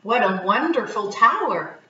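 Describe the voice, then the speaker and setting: Woman as a calm, firm old grandfather. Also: mid-range voice, measured pace, reverberant, recorded from a distance, muffled recording. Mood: calling.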